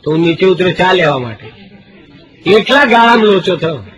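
A man's voice: sits high, fairly quick, over music, rough recording. Gujarati stand-up man telling comic stories. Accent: Kathiawadi Gujarati. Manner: animated storyteller, switches into hushed voices for quoted people. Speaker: stand-up comedian. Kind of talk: Gujarati folk stand-up storytelling.

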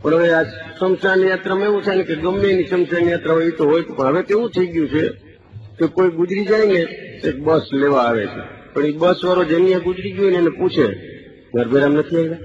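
A man's voice: high-pitched, fast, crowd noise. A man, a stand-up comedian chatting through jokes and asking the audience. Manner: chatty, joke-telling, asks the audience. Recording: dull live stage sound with audience.

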